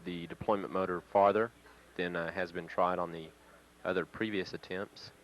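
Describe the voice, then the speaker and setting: A man giving live mission control commentary in a measured, halting, matter-of-fact manner. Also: low-pitched, fairly even intonation, muffled recording. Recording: faint hum and noise.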